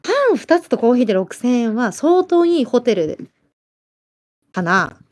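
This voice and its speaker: A woman with a Kyushu accent chatting casually as a livestream host, lively and laughing often while answering viewer comments. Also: on the high side, normal speed. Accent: Kyushu Japanese. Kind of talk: casual chat.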